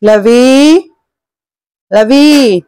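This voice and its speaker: A woman's voice: a little high, very slow, mellow, smooth, dry recording. A mother with a Rajasthani accent coaxing her child awake in sing-song baby talk, filmed on a phone at home. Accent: Rajasthani Hindi. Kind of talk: casual home vlog.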